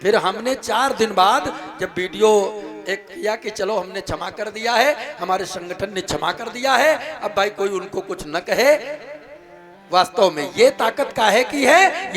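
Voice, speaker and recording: A male preacher giving an emphatic religious discourse on stage, with rhetorical questions, then leading slow devotional singing. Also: sits high, lively intonation. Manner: emphatic, rhetorical questions, sings kirtan slowly. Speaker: kathavachak preacher. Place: outdoor religious gathering stage. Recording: live stage audio with music behind. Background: devotional music.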